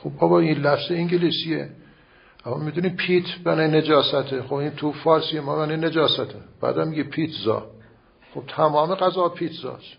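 Older man, cleric, sermon, gravelly fry, very husky, conversational preaching, dull lo-fi recording. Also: fairly high pitch, fairly even intonation. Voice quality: gravelly and raspy. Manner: conversational preaching with anecdotes and repetition.

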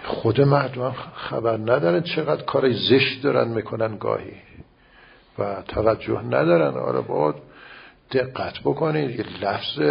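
Gravelly, raspy older man preaching. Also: mid-range voice. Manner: conversational preaching with anecdotes and repetition. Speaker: cleric preacher. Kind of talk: sermon. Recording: dull lo-fi recording.

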